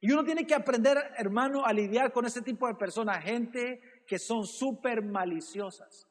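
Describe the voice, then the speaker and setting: A man's voice: very high voice, normal speed, long reverb tail. A male pastor preaching a sermon, calling out "brother" and asking rhetorical questions. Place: church.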